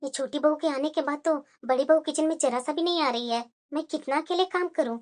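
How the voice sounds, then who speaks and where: A stern middle-aged mother-in-law from a homely cartoon, bossy and forever lecturing, with a woman putting on the part. Her voice sits lower than the actor's usual but stays bright and forceful. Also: animated, a little fast, faint music behind, exaggerated voice. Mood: grumbling. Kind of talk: cartoon voice acting.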